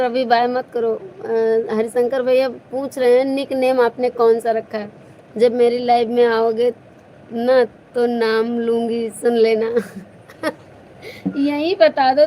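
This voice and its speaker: A woman's voice: on the high side, warm tone, a little hiss or hum, poor audio. A woman hosting a casual live stream, chatting playfully with viewers and teasing them with laughter.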